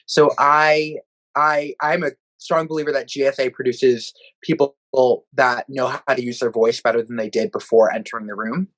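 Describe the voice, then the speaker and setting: A man's voice: medium pitch, steady tone, normal speed, fairly bright tone, low-quality recording. A man speaking reflectively and hopefully in an interview. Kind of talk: casual recorded interview.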